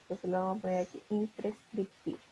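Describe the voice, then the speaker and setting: A woman's voice: a little high, normal speed, mellow, slight background noise, low-quality recording. A woman teacher, patiently explaining each word step by step in an online class over a video call. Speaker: primary school teacher.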